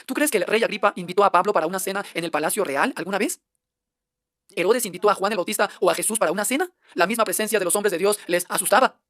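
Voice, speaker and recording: Fast, dry-voiced man preaching a sermon. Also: high voice, a bit bright, no echo. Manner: emphatic, fires off rhetorical questions. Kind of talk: translated sermon.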